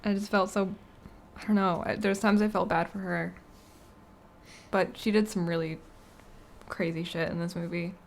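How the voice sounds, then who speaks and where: A woman co-hosting a podcast, chatting casually about movies in a soft, hedging way. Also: fairly low pitch, steady tone, moderate pace, creaky, pauses often. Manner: soft-spoken, trails off, hedging. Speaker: podcast co-host. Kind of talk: casual movie review chat.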